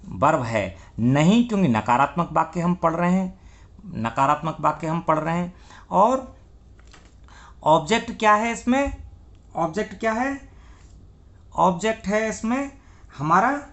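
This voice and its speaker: Male tutor, gravelly and fairly high; grammar class that asks and answers its own questions. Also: very animated, slow pace, long pauses, a bit bright. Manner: asks questions and answers them himself, spells words letter by letter. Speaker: English grammar teacher. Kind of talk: classroom lesson.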